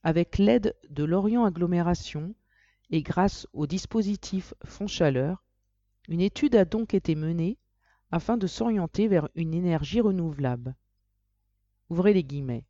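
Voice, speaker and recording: A person reading written articles aloud in a dictating manner, scripted and methodical, with a mellow voice. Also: mid-range voice, normal speed, no room sound, lo-fi sound. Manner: dictating, speaking punctuation and layout marks aloud. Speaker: reader of a magazine for audio listening.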